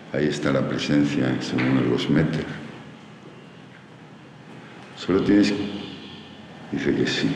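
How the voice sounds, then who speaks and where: A man on a ghost hunt, ordering a spirit to show itself and then speaking in hushed, coaxing tones inside an old building. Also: rumbling low, slight background noise. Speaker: paranormal investigator. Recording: echoey hall with background music.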